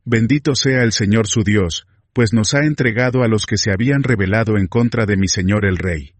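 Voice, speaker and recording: An earnest young messenger with a low, husky voice, voiced by a man reading the story aloud. He talks slowly and deliberately. The sound is dry. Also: no echo, natural voice. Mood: reverent. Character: eager young male runner, a messenger.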